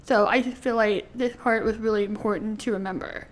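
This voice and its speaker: A woman's voice: medium pitch, steady tone, brisk. A woman co-hosting a casual faith-based chat about marriage, earnest and chatty. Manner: earnest, chatty, laughs easily. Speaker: co-host.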